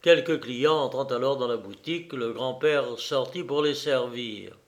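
A man reading a novel aloud as narrator, measured and subdued. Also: mid-range voice. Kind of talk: audiobook reading.

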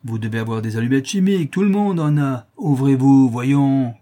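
A man voicing a drunken, lame, brutish male neighbor who shouts hoarse threats. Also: mid-range voice, normal speed, voice pushed up, lightly acted. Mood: bullying. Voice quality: hoarse, rough.

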